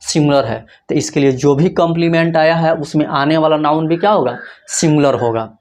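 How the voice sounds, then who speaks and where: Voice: mid-range voice, brisk, darkish tone. A teacher giving a grammar lecture, asking rhetorical questions and answering them himself, repeating each rule step by step. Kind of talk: Hindi-language grammar lecture.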